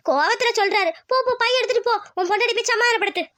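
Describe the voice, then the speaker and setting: A woman's voice: very high-pitched, rapid-fire, sharp tone. A woman doing a sly, gloating village aunt. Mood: coaxing. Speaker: narrator and scheming relative. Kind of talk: cartoon voice acting.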